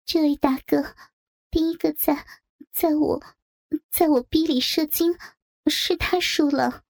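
A woman voicing a brazen young woman in a story reading, speaking haltingly. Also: sits high, fairly even intonation, vocal fry, a little mellow, pitched above the performer's own voice, exaggerated voice. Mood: teasing.

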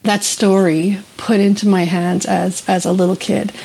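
A woman from Canada speaks as a guest, her voice a little husky and breathy at mid pitch. She tells her story in a loose, chatty way, full of fillers and quick laughs. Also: low-quality recording. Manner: animated, laughs often, many fillers and restarts. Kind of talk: casual storytelling in an interview.

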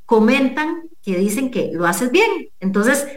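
A woman's voice: fairly high pitch, very animated, slow pace, echoey room. A middle-aged woman, a coach and businesswoman, earnestly talking a listener through numbered questions as an interview guest. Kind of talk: motivational talk in an interview.

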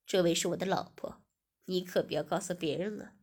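A woman voicing a smug, teasing young man, reading him in a lowered, breathy voice. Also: steady tone, brisk, a little mellow.

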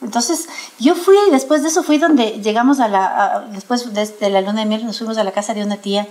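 A middle-aged woman chatting casually on a panel, telling a story in a lively way and often laughing as she talks. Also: a little high, a little fast. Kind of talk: casual chat.

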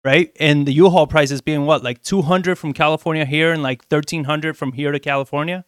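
A man's voice: a little high, steady tone, fairly quick, clean tone, no echo, studio quality. A man co-hosting a casual podcast chat, explaining bluntly with a joking edge. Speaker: co-host.

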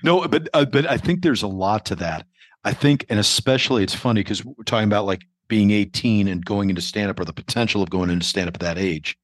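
A man's voice: fairly low pitch, brisk. A man in his forties, a comedian hosting a podcast, telling stories in a laid-back way with many ums and asides. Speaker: podcast host and stand-up comedian. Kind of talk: casual podcast conversation.

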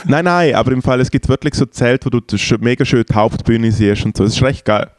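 A man's voice: mid-range voice, fast talker, no echo. A young man with a Swiss German accent telling rambling, slangy stories in casual chat with many fillers. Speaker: podcast co-host.

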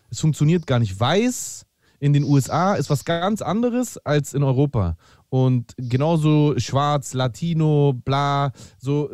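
A man's voice: mid-range voice, darkish tone, dry recording. A man in casual podcast talk, speaking earnestly with many hesitations. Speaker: podcast co-host. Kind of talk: casual chat.

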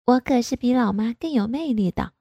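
A woman's voice: fairly high pitch, fairly quick, dark tone, breathy edge, dry recording, highs cut off. A woman voicing a coy, pouty young married woman in an audio story, speaking in a raised, wheedling voice.

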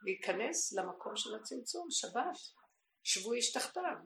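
A woman delivers a religious teaching with real passion. Her voice sits fairly high and has a gravelly edge, dropping to near-hushed asides and then rising to cries. The recording carries a roomy echo. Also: sing-song, crowd noise. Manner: impassioned, swings from hushed to crying out. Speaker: spiritual teacher. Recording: echoey room recording.

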